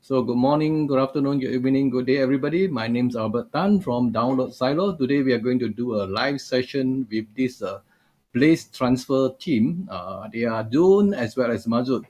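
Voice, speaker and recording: A man with a mid-range, slightly mellow voice hosts a live webinar over a video call, speaking at a moderate pace. His delivery is loose, with sentences padded by "uh" and "you know."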